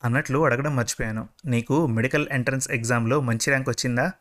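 A man voicing a kind, patient middle-aged mother in a told story, speaking gently and reassuringly. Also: medium pitch, fairly even intonation, quick pace, lightly acted.

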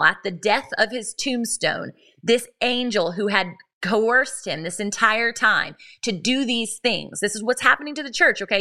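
Speaking into a podcast microphone on a live stream, this thirties-aged faith podcast host tells a story with earnest animation, restarting sentences as she goes, in a medium-pitched, bright, forceful voice.

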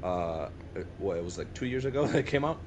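A young man co-hosts a podcast, chatting casually and eagerly with friends in a low voice with lively intonation. He talks fast, often restarting and repeating himself mid-thought, with background noise audible.

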